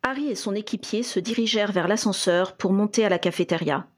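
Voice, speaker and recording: A woman narrating a fan fiction audiobook in a steady storytelling manner. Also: mid-range voice, a little fast. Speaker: audiobook reader.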